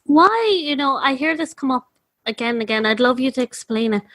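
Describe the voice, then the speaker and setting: A woman's voice: high-pitched, expressive, a little fast, fairly bright tone. A woman hosting a podcast, introducing her guest and asking chatty questions with plenty of fillers. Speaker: podcast host. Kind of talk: podcast interview.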